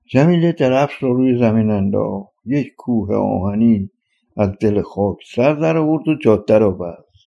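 Mellow male folktale narrator. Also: on the low side, vocal fry, dull audio. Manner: steady, measured storytelling. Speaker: storyteller.

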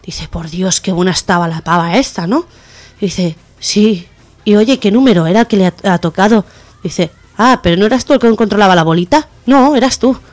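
A woman hosting a radio comedy show, telling jokes in a lively way and acting out the characters with quick pitch jumps.

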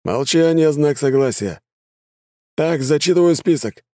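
A gruff military commissioner, put on by a male audiobook reader, barks orders in a raised, higher, forceful voice, clipped and commanding. The recording is close and dry. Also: expressive, moderate pace, no room sound, natural voice. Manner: barking orders, shouting roll call.

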